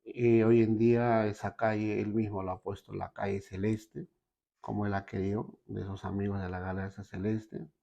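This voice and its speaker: A man giving a personal testimony, halting, with frequent fillers and tag questions. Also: lowish voice, little pitch movement, vocal fry, warm tone, dull audio. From Peru. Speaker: testimony giver.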